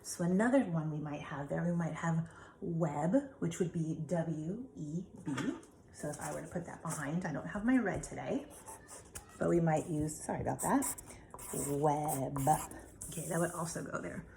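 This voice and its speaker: A woman's voice: sits low, moderate pace, gravelly, warm tone, slight background noise. A woman teacher giving a remote phonics lesson, patiently asking questions and answering them herself. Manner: patient, asks and answers her own questions.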